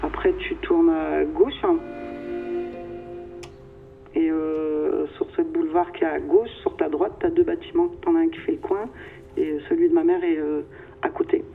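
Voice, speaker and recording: A woman's voice: low voice, steady tone, measured pace, creaky, long pauses, phone-quality sound, soft background music. A woman speaking hesitantly in a casual conversation, giving personal memories and directions.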